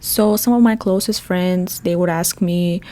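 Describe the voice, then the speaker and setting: Chatty Bulgarian-accented woman, low mellow voice. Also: steady tone, a little slow. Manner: chatty, laughs often. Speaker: podcast host. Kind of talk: solo podcast monologue.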